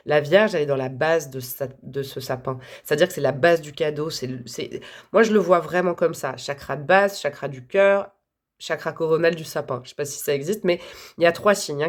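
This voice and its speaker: A woman giving a casual tarot reading to the camera, chatty and effusive, who calls her viewers friends and breaks into sudden exclamations. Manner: exclamations and sudden jumps in pitch and loudness. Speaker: tarot card reader.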